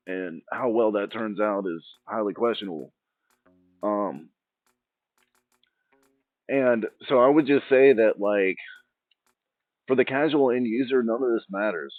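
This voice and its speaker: This channel host speaks on the low side, meandering casually and often beginning his thoughts again mid-sentence. There's no echo; the audio is dry and tinny as if from a phone, with faint music.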